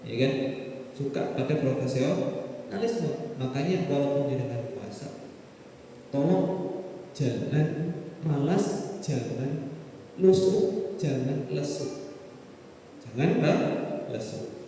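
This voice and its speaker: Javanese preacher in an echoey hall. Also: male voice, mid-range voice, animated, takes it slowly, long pauses, warm tone, recorded from a distance, a little hiss or hum. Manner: conversational, asks the audience questions. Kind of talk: mosque sermon. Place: mosque hall.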